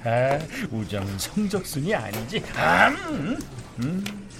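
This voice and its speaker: A blustering, lively middle-aged dad. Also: male voice, a little high, gravelly, over music, heavily acted. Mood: joking. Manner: boastful, grumbling, quick to shout. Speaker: father. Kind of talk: radio drama acting.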